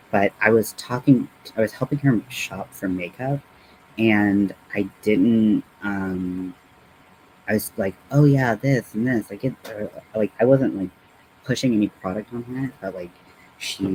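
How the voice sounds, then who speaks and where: A man hosting a livestream, chatting casually in a halting, rambling way. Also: fairly low pitch, a little mellow. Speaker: livestream host. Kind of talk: casual chat. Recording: clearly noisy background.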